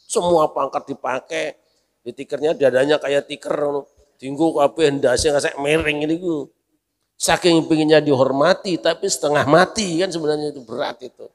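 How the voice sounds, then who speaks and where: A man preaching a mosque sermon as a kyai, telling stories lively and acting out the voices in them while joking with the congregation. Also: a little high, moderate pace. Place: mosque hall. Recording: long reverb of a mosque hall.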